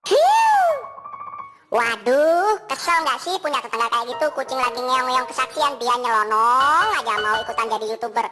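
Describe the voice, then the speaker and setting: A woman's voice: high-pitched, very animated, normal speed. A woman voicing a cheeky reformed cat preacher. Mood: playful. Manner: playful, sound effects, sing-song. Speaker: Sunday school storyteller. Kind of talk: children's storytelling. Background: music.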